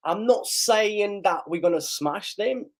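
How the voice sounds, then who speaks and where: Hoarse from a fading voice but still excitable, a young man runs a live football reaction stream and asks viewers to like and share. He talks slowly in a high-pitched voice.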